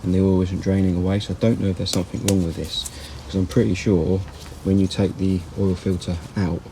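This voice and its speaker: A man's voice: deep voice, little pitch movement, a little fast, noisy background. A man casually talking through an engine strip-down outdoors, rambling and plain-spoken, correcting himself as he goes. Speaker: car repair vlogger. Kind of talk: casual workshop commentary. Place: outdoors in a yard.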